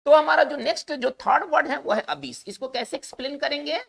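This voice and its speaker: Woman teacher for a vocabulary lesson: fairly high, gravelly voice, repetitive and explanatory, often checks in with the listener. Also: expressive, a little fast, a bit bright.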